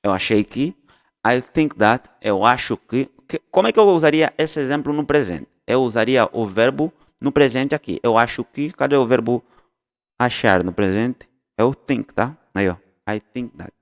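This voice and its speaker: Male English teacher, lively pitch, casual and repetitive, recorded with long reverb. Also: normal speed. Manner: explains in Portuguese, models English phrases, repeats and self-corrects. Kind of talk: casual online lesson.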